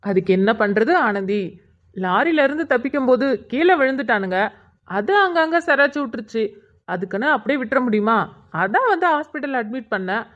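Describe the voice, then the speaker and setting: A woman's voice: on the high side, lively intonation, fairly quick, fairly bright tone. A woman voicing a sly, joking young man, the friend, in a cartoon. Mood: teasing. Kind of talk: cartoon voice acting. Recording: dull lo-fi sound.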